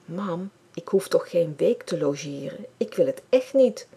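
A woman's voice: on the low side, expressive, a little slow, vocal fry, mellow, breathy edge, full character voice. A woman reading aloud, voicing a whiny, stubborn little boy who stammers when upset. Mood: sulky. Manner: sulky, stammering.

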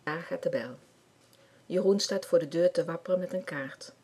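A woman reading a children's story aloud with lively expression. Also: fairly low pitch, moderate pace, breathy edge.

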